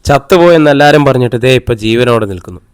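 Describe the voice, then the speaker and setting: A pious, emotional middle-aged aunt who speaks in exclamations, as a male narrator puts her on. Her voice stays mid-pitched. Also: expressive, very fast, clean tone, no echo, clean studio sound, close to an everyday voice. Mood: astonished.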